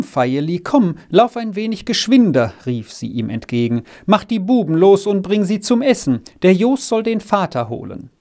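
A man's voice: medium pitch, darkish tone. Man reading a children's story. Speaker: narrator. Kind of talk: audiobook reading.

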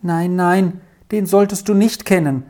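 A woman voicing a gentle, easily frightened young girl in a children's story, pleading anxiously. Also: on the low side, measured pace, close to an everyday voice.

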